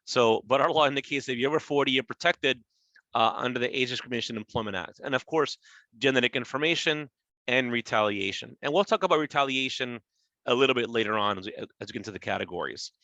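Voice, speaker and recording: His medium-pitched voice moves at a quick pace and sounds pushed and bright, with no echo but lo-fi quality. The speaker, a man in his forties from a government agency, walks through workplace law in a chatty webinar, rewording points and tossing in "right?"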